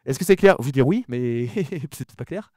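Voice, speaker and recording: A man giving a conference talk to an audience. He talks fast, mumbles his words, and often repeats himself and restarts sentences. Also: medium pitch, expressive, a little mellow, no room sound, studio quality. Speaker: conference speaker.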